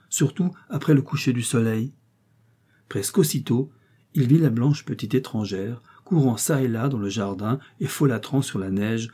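A man narrating a classic story aloud in a measured, expressive reading voice. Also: medium pitch, breathy edge.

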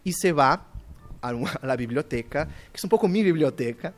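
Animated, halting male storyteller. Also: a little high, soft background music. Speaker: guest children's book author. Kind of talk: radio interview storytelling. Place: radio studio.

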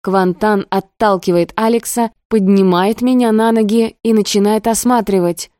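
A woman narrating a novel in the first person with steady, expressive storytelling. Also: mid-range voice, normal speed, dry recording. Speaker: audiobook narrator.

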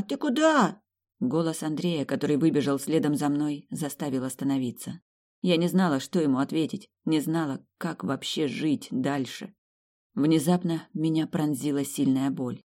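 A woman's voice: a bass voice, dark tone. A woman narrating a dramatic first-person audiobook story.

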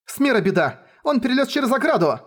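A man voicing an urgent, frantic young woman who speaks in breathless shouts. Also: high-pitched, lively intonation, a little slow, slightly rough, pitched above the performer's own voice, full character voice.

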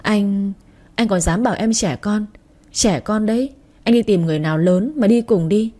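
A woman's voice: medium pitch, moderate pace, dark tone, close to an everyday voice. A woman voicing a jealous, sulky young wife in a read-aloud story, pouting and complaining. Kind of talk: audiobook character reading.

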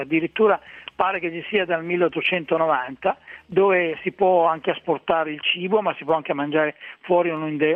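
A man's voice: a little high, dry recording. A man, calling in to a radio show and chattily explaining local dishes and restaurants, often restarting his phrases. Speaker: food guest on a radio show. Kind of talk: phone-in radio chat giving restaurant tips. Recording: tinny phone line.

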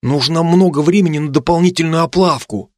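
A pedantic schoolboy alchemist, as a man puts him on for an audiobook, a little higher than the narrator. He explains things precisely and a bit touchily. The sound is dry and close. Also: fairly quick, dry recording, lightly acted. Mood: explaining.

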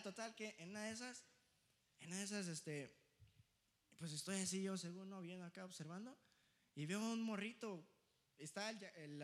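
A young man preaching, telling a personal story in a lively, joking way, often laughing and slipping into English phrases. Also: high voice. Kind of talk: storytelling sermon.

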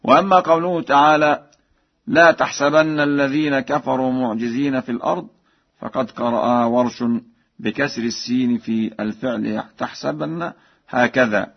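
A man of middle pitch teaching Quran recitation rules over a dull, lo-fi radio broadcast. He explains each rule calmly and then chants the example slowly and melodically. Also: gravelly.

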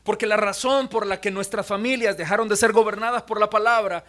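Young male pastor, high-pitched, lively sermon delivery with acted-out asides and hushed prayer moments. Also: a little fast. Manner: animated preaching, acts out quoted voices, drops to near-whispers in prayer.

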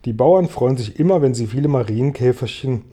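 Storybook ladybug, female, prim, snobbish, polite, husky, read by a man. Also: medium pitch, lively intonation, a little fast, dark tone. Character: genteel, proud female ladybug. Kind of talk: audiobook reading.

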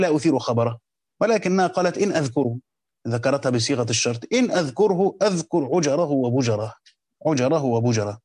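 A man's voice: a little high, a little mellow, dry recording, clean studio sound. A man with an Egyptian accent giving a lesson, reading classical Arabic lines and explaining them in colloquial dialect, repeating phrases as he goes. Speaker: teacher of hadith commentary. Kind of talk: Islamic lesson commentary.

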